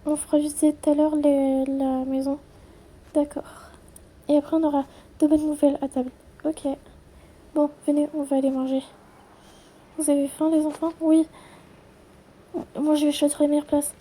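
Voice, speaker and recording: Lady doing all the voices in a toy role-play, high and kinda dark toned, bounces between characters. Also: flat delivery. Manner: switches quickly between many characters in chatty everyday French. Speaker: channel creator voicing every character.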